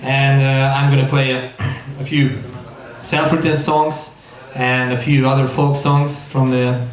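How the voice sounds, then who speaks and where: A man's voice: mid-range voice, little pitch movement, a little slow. A Hungarian-accented man, a native Hungarian speaker, introducing his songs from a live stage in hesitant English full of restarts. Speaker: singer-songwriter performing live. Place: live music venue stage. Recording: echoey live room with loud guitar.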